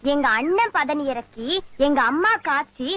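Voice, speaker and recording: A young actress playing a sharp-tongued village girl who trades insults, in a film comedy scene. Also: high voice, lively intonation, measured pace, dry recording, exaggerated voice. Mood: feisty. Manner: retorts with insults. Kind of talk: Tamil film comedy acting.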